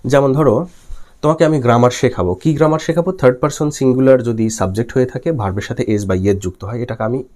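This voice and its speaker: A young man teaching, going through his notes step by step. He reads English lines slowly, restates them, and asks questions that he then answers himself. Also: medium pitch, darkish tone. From Bangladesh. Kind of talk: recorded exam-prep lecture.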